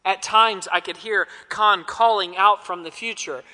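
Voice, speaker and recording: A man's voice: high voice, a little slow. A man preaching a sermon in church, telling a story and leading the congregation in call-and-response. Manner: expressive, calls out names and lines for the congregation. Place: church sanctuary. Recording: long church reverb.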